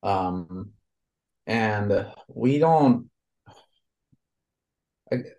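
A man's voice: lowish voice, lively intonation, drawn-out words, mellow. A man in his thirties from Honduras, a tattoo artist chatting casually and rambling with lots of fillers. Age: 30s. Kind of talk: casual conversation.

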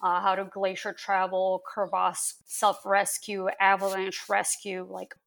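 A woman from Lithuania, a guest on a podcast, telling stories in a lively, animated, casual way. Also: medium pitch, measured pace, vocal fry, low-quality recording. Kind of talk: casual interview chat.

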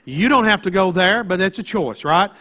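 High-pitched Appalachian man preaching. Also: animated, moderate pace, bright, forceful tone. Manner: folksy storytelling, often checks in with "right?". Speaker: pastor preaching to a congregation. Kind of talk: sermon.

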